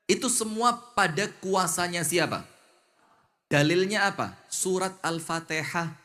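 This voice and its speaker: A male Islamic preacher with a Javanese accent, giving a sermon in a bright, high voice. He tells stories with humor and fires questions at his audience. He mixes lively asides into his teaching. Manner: humorous storytelling, quizzing the audience.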